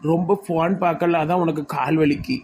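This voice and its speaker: Cartoon role: curt, stern village husband played by a woman, Tirunelveli Tamil accent, lower register. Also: fairly even intonation, a little fast, a little hiss or hum, natural voice. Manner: curt, scolding, counts out loud. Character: stern bossy village husband, middle-aged. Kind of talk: cartoon dialogue.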